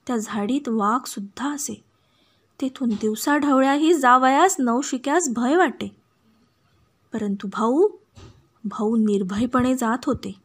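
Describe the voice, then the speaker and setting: A woman reading a children's story aloud with dramatic expression, dropping to hushed whispers in tense parts. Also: on the high side. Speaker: storybook reader.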